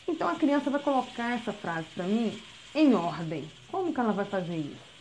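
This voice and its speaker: A woman, a literacy teacher giving a recorded lesson and explaining patiently step by step, often checking in with a quick "tá?". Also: a little high, sing-song, a little mellow, a little hiss or hum, poor audio.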